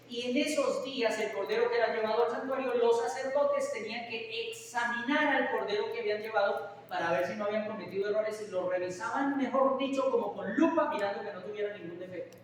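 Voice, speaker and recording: A man's voice: high-pitched, quick pace. A man preaching a sermon, often putting questions to his congregation. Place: church hall. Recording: echoey hall from far off, faint hiss.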